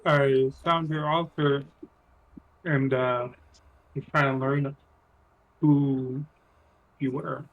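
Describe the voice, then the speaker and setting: A man's voice: mid-range voice, little pitch movement, extremely slow, long pauses, a bit bright, rough recording. Male game player, mid-range voice, casual and hesitant, asking questions.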